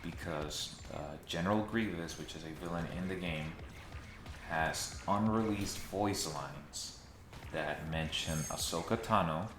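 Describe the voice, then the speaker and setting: Deep-voiced man in an echoey empty room. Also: unhurried, background noise. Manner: conversational, dryly sarcastic at times. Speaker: video essayist. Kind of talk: casual commentary to viewers. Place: mostly empty room in a new home.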